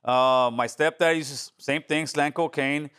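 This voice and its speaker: A man in his forties, born in Honduras, telling his life story as a podcast guest in a laid-back street manner that turns animated when he quotes people. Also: a little high, normal speed, smooth, dry recording, clean studio sound. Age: 40s. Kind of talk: casual storytelling interview.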